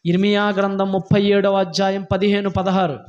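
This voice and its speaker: A man with a high, lifted voice preaches a sermon. He scolds his listeners and hammers them with repeated rhetorical questions. The recording sounds dull and lo-fi. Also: little pitch movement, brisk. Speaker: pastor.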